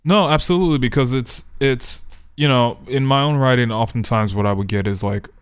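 A man co-hosting a screenwriting podcast, thinking out loud with lots of restarts in casual chat. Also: mid-range voice, fairly quick, clear, resonant tone, dry recording. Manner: rambling, thinks aloud with many restarts. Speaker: podcast co-host. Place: podcast studio.

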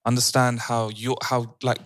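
A man's voice: medium pitch, little pitch movement, normal speed, a bit bright, no echo. A man hosting a casual podcast in a London roadman accent. He speaks in urban slang with earnest emphasis, and the recording is dry with little room sound. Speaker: podcast host. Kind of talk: casual discussion.

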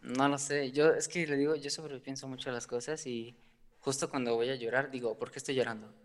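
A man's voice: mid-range voice, fairly even intonation, brisk. A man who is a guest on a talk show, speaking about his feelings hesitantly, with many fillers and nervous laughs. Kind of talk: conversational personal talk. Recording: long reverb.

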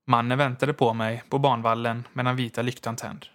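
A man narrating a story in the first person, in a measured storytelling manner. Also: mid-range voice, flat delivery, a bit bright. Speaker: audiobook narrator.

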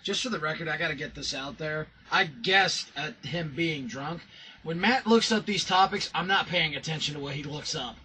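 Very bright-voiced man chatting casually. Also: a little high, moderate pace, slightly rough, poor audio. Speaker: podcast co-host. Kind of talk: casual podcast chat.

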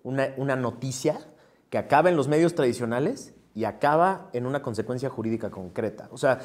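Male interviewer, mid pitch, thoughtful questions. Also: lively intonation, fairly quick, a little mellow.

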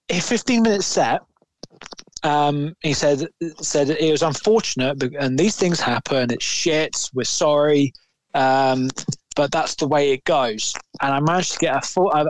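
A man's voice: on the high side, a little hiss or hum. A man, co-hosting a podcast and telling a long, rambling story in casual chat, swearing now and then. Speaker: podcast co-host.

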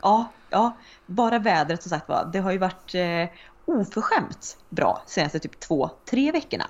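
A woman in her thirties chats relaxedly with her co-host. Her voice sits a little low, and the recording sounds somewhat dull and lo-fi. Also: sing-song. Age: born in the late 1980s. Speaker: podcast co-host. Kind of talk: casual chat.

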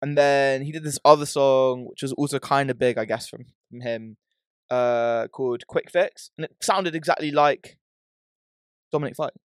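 A man's voice: medium pitch, normal speed, clear, resonant tone, dry recording, studio quality. A young man with a London roadman accent, chatting casually in slangy, emphatic, matey banter as a podcast host. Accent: London roadman, urban British slang.

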